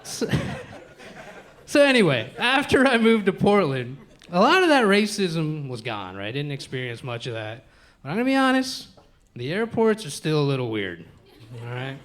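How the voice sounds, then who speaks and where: A man's voice: fairly high pitch, very animated, moderate pace, a bit bright. A man from the United States doing a live stand-up set in a comedy club, profane and talking straight to the crowd as folks.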